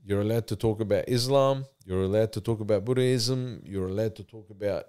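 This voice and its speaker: A man's voice: lowish voice, a little fast, a little mellow, clean tone. A man chatting and telling stories casually in a plain-spoken, colloquial way. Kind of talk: casual chat and unhurried storytelling.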